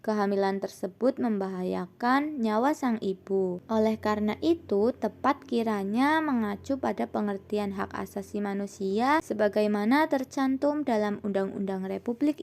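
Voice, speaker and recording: A young woman, a university student, presenting a scripted lesson in a steady reading voice that rises on her points. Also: medium pitch. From Indonesia. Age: young adult.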